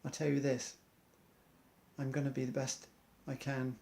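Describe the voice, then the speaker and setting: A man's voice: medium pitch, monotone, moderate pace, vocal fry, mellow. A man, an amateur athlete, earnestly reciting an inspirational monologue in loose rhymes.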